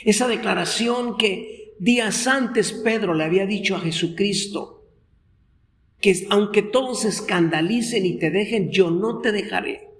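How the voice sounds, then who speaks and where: Slow, deliberate preaching man. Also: high-pitched, a bit bright. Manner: slow and deliberate, drawing out quoted lines. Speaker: pastor. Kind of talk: sermon. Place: church.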